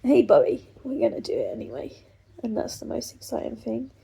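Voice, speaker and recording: A woman vlogger recording a tearful, halting video diary at home on her phone, her voice trailing off into soft whispers. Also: a little high, animated, vocal fry, slight background noise. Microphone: phone camera.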